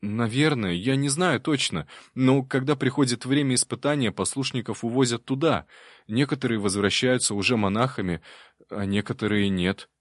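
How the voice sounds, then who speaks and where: A man's voice: medium pitch, moderate pace, no room sound, studio quality, pitched above the performer's own voice, lightly acted. A man doing a frightened young novice monk. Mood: anxious. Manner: desperate, pleading.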